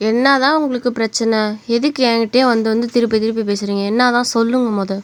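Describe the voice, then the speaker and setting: A woman voicing a proud, sharp-tongued young woman in an animated story, speaking scornfully. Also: fairly high pitch, fast, no echo, lightly acted. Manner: scornful, dismissive.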